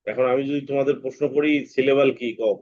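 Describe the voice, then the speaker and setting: A man's voice: mid-range voice, steady tone, quick pace, a little mellow, muffled recording. A man teaching English to a class, patiently repeating points and calling on students by name.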